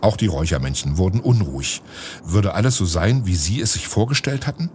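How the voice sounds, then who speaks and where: A man reading a storybook aloud in an expressive way. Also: low voice, brisk, a little hiss or hum. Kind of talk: storybook narration.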